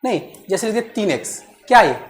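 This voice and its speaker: A woman's voice: mid-range voice, sing-song, quick pace. Woman, maths teacher, classroom lecture, repeats phrases while dictating, keeps checking understanding.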